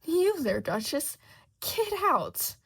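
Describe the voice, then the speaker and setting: A woman voicing an imperious, bossy storybook queen with shrill, shouted orders. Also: big pitch swings, slow pace, vocal fry, exaggerated voice. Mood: furious. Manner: bossy, commanding.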